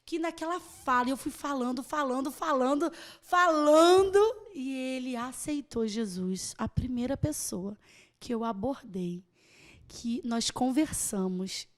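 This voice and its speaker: High-voiced woman telling a story. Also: unhurried. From Rio de Janeiro. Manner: animated storytelling, laughs often, acts out dialogue. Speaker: mission volunteer guest. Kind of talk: podcast testimony.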